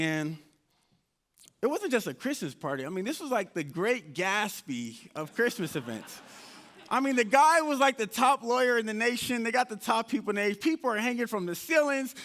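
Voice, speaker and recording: A man with a notably high voice tells his story to a live audience. He is an animated motivational speaker who plays out his own past conversations as he goes. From United States (Indianapolis). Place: event stage before an audience.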